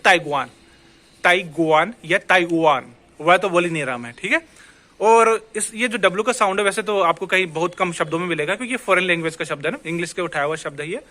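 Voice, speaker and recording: An Indian man teaching a casual language lesson, his voice pitched high and his tone bright. He talks in a chatty way, repeats the words he teaches and keeps checking that the viewer is following. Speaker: Spanish teacher.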